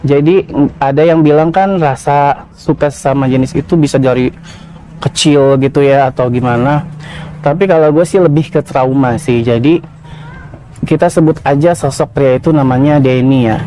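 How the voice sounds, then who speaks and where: Man, 30s, podcast guest, warm mellow tone, casual confessional storytelling. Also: mid-range voice, normal speed. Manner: casual slangy confessional, many fillers. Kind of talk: personal storytelling.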